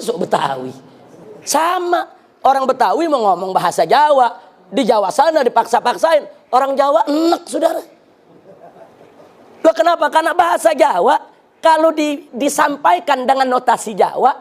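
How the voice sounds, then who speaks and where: Emphatic high-voiced male preacher. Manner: emphatic, addresses listeners as brothers. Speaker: Islamic preacher. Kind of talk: religious lecture.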